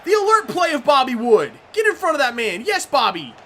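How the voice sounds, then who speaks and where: A woman commenting on her own video game match, excitable and swearing freely, shouting at big plays. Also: high-pitched, brisk, slight background noise. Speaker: gaming commentator.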